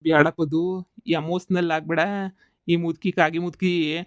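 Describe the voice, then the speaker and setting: A man's voice: fairly high pitch, a little slow, dry recording, close to an everyday voice. A man voicing a bossy, teasing village husband who mocks his wife. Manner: mocking, flat drawl, rustic dialect. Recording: slightly dull lo-fi sound.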